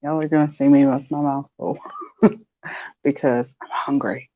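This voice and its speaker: A woman's voice: extremely low pitch, steady tone, moderate pace, dull audio. A woman with a Southern US accent hosting a crochet live stream, chatting casually with viewers and laughing often. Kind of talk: casual chat reading viewer comments.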